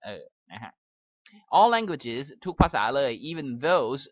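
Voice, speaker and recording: A man with a Thai accent, a native Thai speaker, reads a passage aloud slowly and carefully, then explains it in a quick, chatty way as an English teacher. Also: fairly high pitch, very animated, no room sound. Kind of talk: reading aloud and explaining in a lesson. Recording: slightly dull, dry recording.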